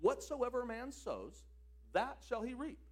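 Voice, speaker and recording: Delivering a sermon a little slowly and in a sing-song manner, this preacher has a very high, bright-sounding voice. His pitch roams everywhere, rising on loud proclamations and sinking into quiet asides.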